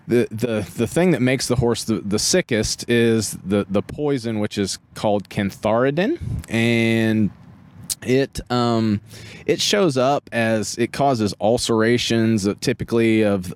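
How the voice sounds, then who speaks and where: A man, a veterinary guest, giving unscripted interview answers in a halting way as he searches for words. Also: fairly low pitch, a little mellow.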